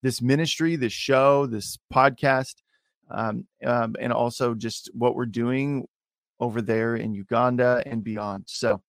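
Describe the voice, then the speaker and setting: Guy hosting a faith podcast, chatty and emphatic, medium pitch, no room echo. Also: steady tone, slow pace, gravelly, studio quality. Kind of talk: casual, enthusiastic show introduction and interview.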